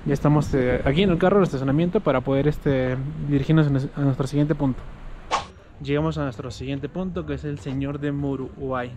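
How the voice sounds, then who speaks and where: Male travel vlogger, slightly high voice, rambling and filler-heavy, noisy outdoor recording. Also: steady tone, fairly quick. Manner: chatty, loose, with many fillers like "este" and "eh". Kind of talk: casual travel vlog commentary. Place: outdoors and on the road while traveling.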